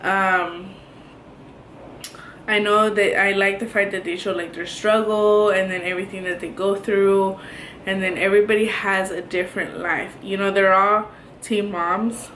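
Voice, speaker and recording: A woman's voice: medium pitch, a bit bright. A young woman in her twenties chatting casually to camera as a beauty vlogger, rambling with many ums and likes. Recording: echoey room, faint noise.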